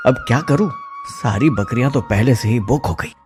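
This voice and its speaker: A man's voice: mid-range voice, moderate pace, darkish tone, soft background music, close to an everyday voice. A man voicing a greedy, scheming young man who coaxes and schemes in a cartoon story. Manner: coaxing, sly.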